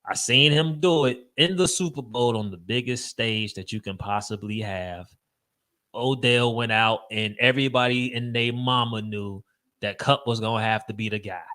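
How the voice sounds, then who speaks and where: Stuffy-nosed man, bright sports rant. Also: medium pitch, normal speed. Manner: loose, emphatic slang-heavy rant with frequent fillers. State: congested, stuffed up with a cold. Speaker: podcast host. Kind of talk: casual sports talk.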